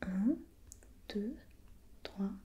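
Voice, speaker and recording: Slow, whispering preschool teacher played by a woman, whispered role-play. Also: medium pitch, lively intonation, highs cut off, slight background noise. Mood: soft, encouraging. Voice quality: soft, breathy whispering. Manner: patient, encouraging, softly repeating. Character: gentle, patient female preschool teacher counting with a child.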